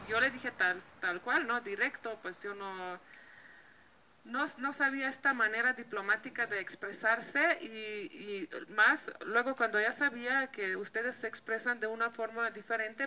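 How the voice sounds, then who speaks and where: Bright-voiced Slovenian woman chatting. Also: a little high, slight background noise, poor audio. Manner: chatty, lots of fillers. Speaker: vlogger. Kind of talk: casual chat to camera.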